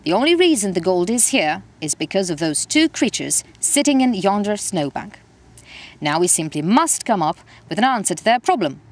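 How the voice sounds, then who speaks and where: A woman's voice: mid-range voice, big pitch swings, normal speed. A woman voicing an earnest male gold prospector addressing a crowd, for a storybook reading. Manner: speech-making, earnest.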